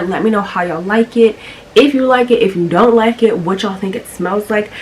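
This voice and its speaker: A woman's voice: medium pitch, slight background noise, poor audio. A young woman with a sick voice, chatting casually to camera as she reviews a fragrance and talks straight to her viewers. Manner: chatty, addresses viewers directly with slang. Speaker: beauty and fragrance YouTuber.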